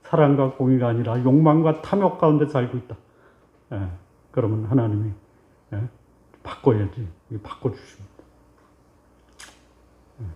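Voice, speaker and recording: Korean pastor preaching in a roomy church. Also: male voice, mid-range voice, brisk. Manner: asks the congregation questions and answers them himself; acts out God and the believer in short dialogues. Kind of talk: sermon. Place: church sanctuary. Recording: roomy, slightly dull church recording.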